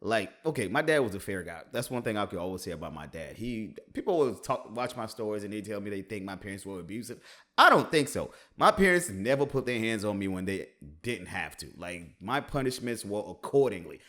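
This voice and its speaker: A man giving casual reaction commentary, chatty and animated, often laughing. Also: fairly low pitch, brisk. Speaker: reaction host.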